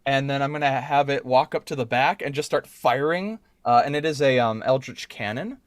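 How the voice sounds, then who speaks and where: A man playing a tabletop game, explaining his moves casually and haltingly, often interrupting himself. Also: medium pitch, no echo, studio quality.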